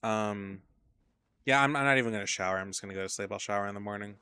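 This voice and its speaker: A man's voice: on the low side, fast talker, pushed and bright, smooth. A man casually commentating his gameplay on a stream, rambling and swearing, getting tired as he plays. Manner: rambling, profane, drowsy asides. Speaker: game streamer.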